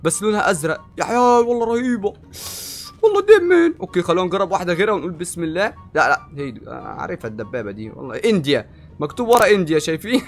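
A young man with an Egyptian Arabic accent doing excitable gameplay commentary, often shouting and drawling in amazement. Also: on the high side, rapid-fire, soft background music. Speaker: gaming YouTuber.

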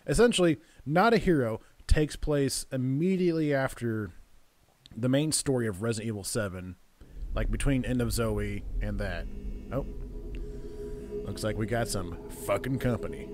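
Young man, gaming host, chatty and joking, mid-range pitch, faint background hiss. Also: normal speed. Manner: chatty, joking, reads on-screen text aloud. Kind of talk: casual gameplay commentary.

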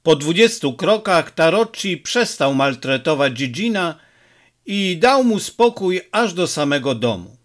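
Slow, lively male storyteller. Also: fairly high pitch. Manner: measured storytelling. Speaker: audiobook narrator. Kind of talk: scripted narration.

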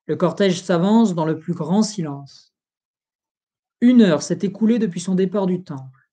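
An audiobook reader reading a history book aloud in a slow, solemn, even delivery. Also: medium pitch.

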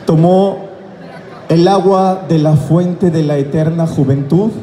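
A man's voice: fairly high pitch, slow. A man joking with a fan crowd on stage, laughing at his own jokes, through a handheld mic. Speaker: voice actor guest at a fan convention. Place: large indoor convention hall with a crowd. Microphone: handheld mic, filmed from the audience. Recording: echoey hall with loud crowd noise.

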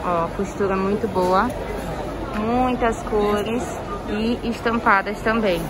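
A woman's voice: mid-range voice, steady tone, slow, over a noisy crowd. Chatty masked woman in a crowded market. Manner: chatty, keeps saying "ó" and "olha só" to viewers. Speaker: shopping vlogger. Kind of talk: casual market tour vlog. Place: busy indoor clothing market. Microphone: phone camera, talking through a face mask. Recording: crowded market noise behind.

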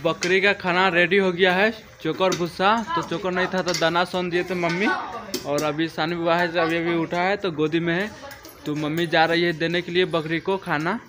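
With crowd noise around him, a young vlogger chats his way through a foggy village field, talking to a phone camera held at arm's length as he walks. His voice is a little high, shows little pitch movement, and runs at normal speed.

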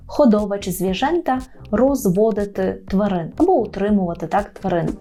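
Woman teaching with slow careful repeats. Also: mid-range voice, dark tone. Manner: slows down to repeat words carefully. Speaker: Polish language teacher. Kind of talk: language lesson for learners. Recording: faint background music.

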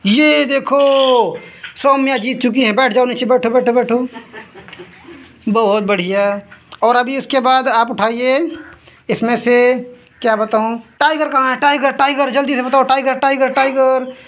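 A woman with a voice that sits high runs a toy-finding game for two children. She keeps up lively play-by-play and rattles off item names quickly to hurry them. Between rounds she scolds and laughs.

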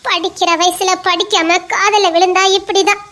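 A woman's voice: extremely high pitch, little pitch movement, moderate pace, fairly bright tone. A woman with a Tirunelveli Tamil accent playing a young female college student who laments her lost future through tears. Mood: despairing. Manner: tearful, lamenting. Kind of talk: audio drama acting.

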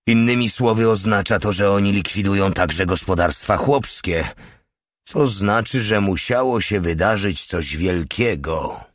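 A man's voice: fairly low pitch, unhurried, dry recording, studio quality, close to an everyday voice. A man voicing a small, scarred male desert legionnaire in an audiobook, fierce and scornful as he rallies his comrades. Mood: urging.

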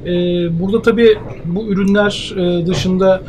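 Older guy in his 60s hosting a food show, high voice, slow appreciative chat, some noise behind. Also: fairly even intonation, a little mellow. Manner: measured, appreciative, with frequent hesitations. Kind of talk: casual tasting interview. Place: outdoor cafe terrace.

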